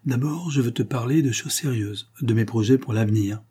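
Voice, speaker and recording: A man's voice: medium pitch, normal speed, dark tone, husky. A man reading the part of a scheming young male bandit in an audiobook, speaking in a mocking, carefree tone.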